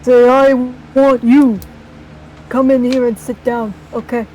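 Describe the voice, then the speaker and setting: Woman playing a calm, bossy goblin raider. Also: fairly high pitch, slow, slight background noise, rough recording. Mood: coaxing. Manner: flat, reassuring, keeps saying okay.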